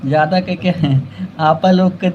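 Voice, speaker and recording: A man's voice: high-pitched, flat delivery, unhurried, muffled recording, slight background noise. A man with an Awadhi accent hosting a casual live stream, chatting with viewers and thanking them by name.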